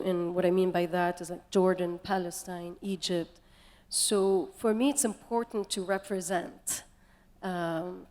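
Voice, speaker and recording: A woman's voice: mid-range voice, a little mellow. A woman from Tunisia, a singer answering interview questions in a reflective way, full of "like" and "you know". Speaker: singer and musician. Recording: long hall reverb.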